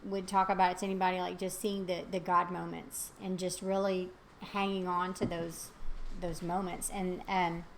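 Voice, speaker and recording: A woman's voice: fairly low pitch, moderate pace, a little hiss or hum. A middle-aged woman, chatting casually and telling stories animatedly, with plenty of fillers. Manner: animated storytelling with many fillers. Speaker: host. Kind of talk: casual chat.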